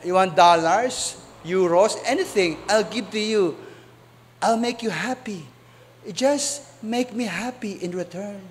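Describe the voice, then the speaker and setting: A pastor playing a rich retired British knight who flatters and courts a woman in smooth English. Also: very high-pitched, measured pace, long reverb tail, slight background noise. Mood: promising.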